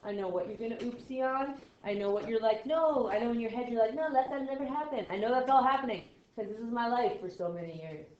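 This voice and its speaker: A woman in her forties runs a math class with a playful, teasing energy. Her voice sits a little high. The sound is echoey and lo-fi, with a faint hiss behind her. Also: fast talker, few pauses. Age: 40s. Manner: lively, playful and teasing with students. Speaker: math teacher. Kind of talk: classroom lesson. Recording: echoey room, dull lo-fi sound, faint noise.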